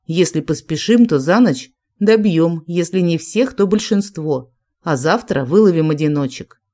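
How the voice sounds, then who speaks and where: A reader voicing a cautious young male inquisitor with a wry manner, in a calm, steady audiobook reading. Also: a little high, measured pace.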